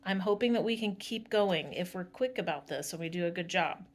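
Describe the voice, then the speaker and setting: A woman's voice: lowish voice, a little fast. A woman teaching a drama class, reading a story aloud with expression and stopping to explain the staging.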